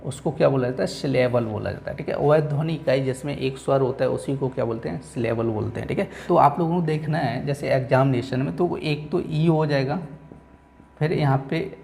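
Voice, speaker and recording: Gravelly-voiced male teacher. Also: medium pitch, darkish tone, a little hiss or hum. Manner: repeats answers with "ठीक है", reads questions slowly. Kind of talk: exam-prep lesson. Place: coaching classroom.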